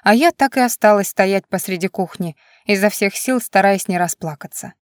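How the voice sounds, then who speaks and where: Calm female audiobook narrator. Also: medium pitch, normal speed, dry recording, clean studio sound. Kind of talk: first-person novel narration.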